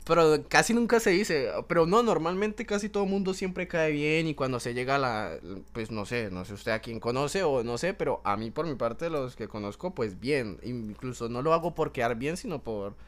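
A man's voice: medium pitch, expressive, normal speed, hardly any pauses. A young man, a podcast guest, chatting casually and hesitantly, with lots of fillers. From Colombia, Bucaramanga. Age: young adult. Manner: hesitant, many fillers, laughs easily. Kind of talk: casual chat.

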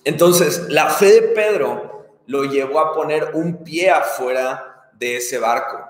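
A man preaching a sermon in an earnest way, repeating key phrases for emphasis. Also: mid-range voice. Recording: echoey hall with long reverb.

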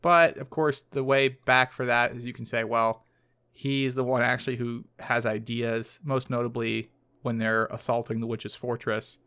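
A man with a smooth, resonant voice speaks in a casual academic conversation. His sound is close and dry, and he reasons carefully, often hedging his points. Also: medium pitch, flat delivery, normal speed, sharp tone, dry recording.

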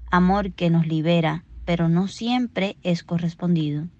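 A woman reading a scripted Gospel reflection in a calm, measured way, on a dull lo-fi recording. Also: lowish voice, no room sound. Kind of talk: scripted devotional narration.

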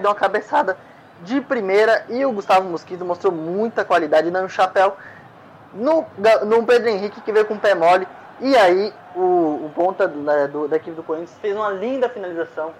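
Man, Brazilian accent, live match analysis, high pitch, enthusiastic, dull sound, faint background noise. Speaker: football analyst on match broadcast.

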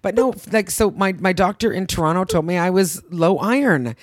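Casting: middle-aged woman, chatty co-host, animated rambling storyteller, dry close sound. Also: fairly low pitch, moderate pace, no room sound. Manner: rambling, animated storytelling, acts out her own thoughts, swears casually. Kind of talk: casual chat.

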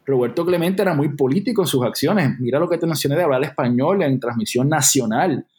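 This man from Puerto Rico, in his forties and with a Puerto Rican Spanish accent, answers earnestly as an interview guest, reflecting aloud and restarting as he goes. His voice is expressive, on the high side and darkish in tone, and his pace is a little fast.

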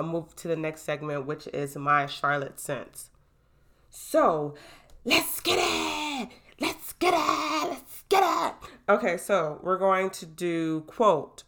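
A young woman hosting her own podcast, talking casually in an animated, hype-building way into a new microphone. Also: low voice. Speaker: podcast host. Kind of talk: casual solo podcast talk.

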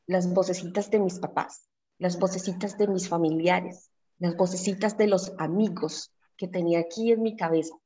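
A woman's voice: lowish voice, steady tone, normal speed, mellow. A middle-aged woman giving a personal testimony talk, earnest and reflective, speaking straight to her listeners. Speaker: motivational speaker. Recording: slightly dull lo-fi sound.

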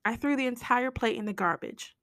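An American woman hosting a casual solo podcast rant, hoarse with her voice nearly gone, raspy and whispery, speaking bluntly. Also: fairly high pitch, fairly quick, a bit bright, no echo, studio quality. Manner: blunt, complaining, mildly sweary. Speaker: podcast host.

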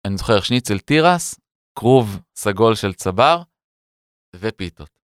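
A man telling an animated personal story in a casual conversation, acting out the voices of people in it. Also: fairly low pitch, dry recording, studio quality. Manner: animated, acts out voices in his anecdotes. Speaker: educator and podcast guest.

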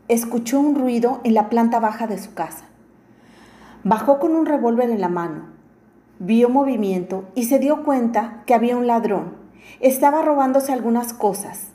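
A woman hosting a show who reads a story aloud in a calm, measured way. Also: on the high side. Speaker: storyteller host. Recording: roomy echo.

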